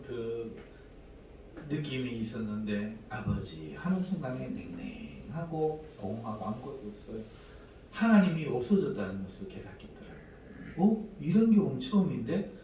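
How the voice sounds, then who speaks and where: A man's voice: medium pitch, big pitch swings, normal speed, a little mellow, a little hiss or hum. Echoey preacher man in his forties. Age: 40s. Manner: dramatic storytelling, acting out prayers and quoted voices. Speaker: pastor. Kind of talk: sermon with personal testimony. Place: church sanctuary. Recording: echoey church hall, mic at a distance, faint room ambience.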